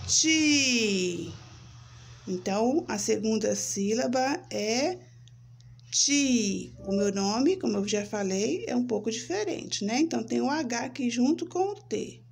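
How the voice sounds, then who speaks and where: A Brazilian woman teaching young children, speaking slowly and sounding out syllables, checking in with "né?" and "certo?". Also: fairly high pitch, creaky, darkish tone, breathy edge. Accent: Brazilian Portuguese. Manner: slow, spelling out syllables, frequent "né?" and "certo?". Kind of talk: children's lesson, slow and sing-song.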